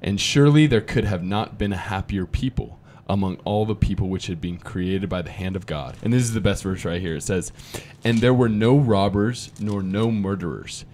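A man in his twenties co-hosting a podcast, casual and upbeat, reading verses aloud between quick asides. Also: low voice, darkish tone, slight background noise. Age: 20s. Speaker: podcast co-host. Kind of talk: podcast conversation with scripture reading.

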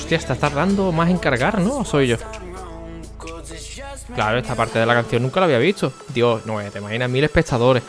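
A young man, chatting casually on a stream and talking to his viewers by name, often keeping his voice low for the neighbours. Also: lively intonation, fairly quick, music in the background. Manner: speaking quietly for the neighbours.

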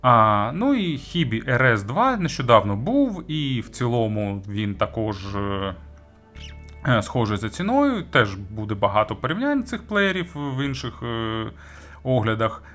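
Soft music plays under a man with a medium-pitched, sing-song, somewhat bright voice who speaks at a measured pace. He is hosting a casual, semi-scripted audio gear review, explaining things conversationally.

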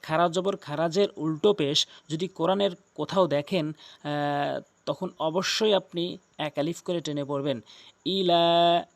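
A man teaching Quran recitation in a spoken lesson with a Bangladeshi Bengali accent. He talks emphatically and repeats each sound slowly for practice, drawing out the recited words. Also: a little high, fairly even intonation, vocal fry.

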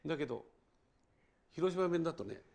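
An older man from Hiroshima, a documentary writer and guest, tells stories in a lively interview and acts out dialect speech. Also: on the high side, normal speed, gravelly. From Hiroshima, Japan. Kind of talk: animated interview storytelling.

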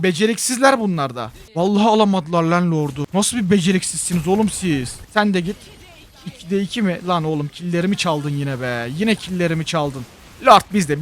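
A young man giving excitable, chatty commentary over his own gameplay, often breaking into repeated chants at the screen. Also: high-pitched. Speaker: gaming YouTuber.

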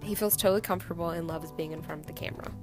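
A woman's voice: fairly low pitch, steady tone, racing, music in the background. A young woman reading a scripted, fond narration about her grandfather.

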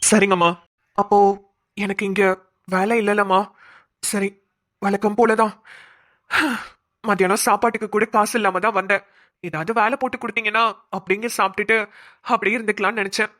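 A woman's voice: mid-range voice, fairly even intonation, brisk, pauses often, fairly bright tone, lightly acted. A woman voicing a poor, polite young man in a homemade cartoon. He speaks humbly and deferentially. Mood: humble.

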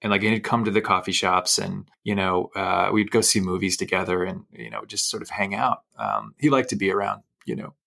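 Male podcast host, a little low in pitch, chatty and animated, wanders through his anecdotes. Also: fairly quick, gravelly, few pauses. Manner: animated, rambling storyteller. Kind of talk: conversational interview.

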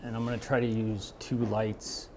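A man in his thirties, a barber and shop owner, talking casually while he works, relaxed and rambling with many fillers, moving around the room away from the camera mic. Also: lowish voice, normal speed, background noise. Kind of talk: casual talk while working. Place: barbershop with brick walls, indoors.

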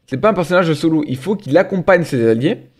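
A young man casually commenting on someone's gameplay, animated and teasing, with frequent exclamations. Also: a little high, quick pace.

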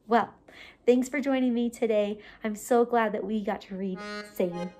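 A woman librarian leading a children's storytime, speaking gently and asking young listeners questions. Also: on the high side, moderate pace, soft background music.

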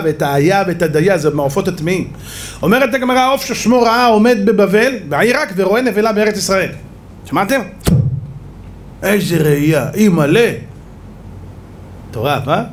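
A rabbi teaches a lively Torah lesson to a roomful of listeners, alternating between loud exclamations and quiet asides. There's a slight hiss or hum in the audio.

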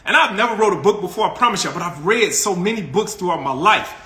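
Fast, expressive, and forceful, the bright, high-sitting voice of a man in his 40s greets viewers on a casual phone live stream with upbeat laughter. He's in a small indoor room with colored lights, and despite the close-up phone camera the room sounds echoey.

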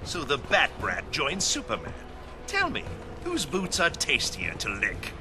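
An actor playing a gleefully menacing, theatrical clown supervillain in a video game, mocking and prone to bursting into shouts. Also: male voice, mid-range voice, huge pitch swings, a little slow, creaky, over music, heavily acted. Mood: taunting. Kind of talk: video game cutscene acting.

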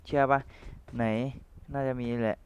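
A young man casually commentating his own game match, playful and chatty with viewers and teammates, his voice a little rough from the cold. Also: normal speed, highs cut off, a little hiss or hum.

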